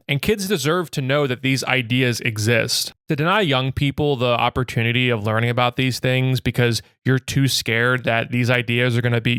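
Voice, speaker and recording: A man's voice: medium pitch, fairly bright tone, clear, resonant tone, dry recording, studio quality. A young man narrating a scripted video essay, blunt and opinionated, with a sarcastic edge. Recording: faint music under the voice.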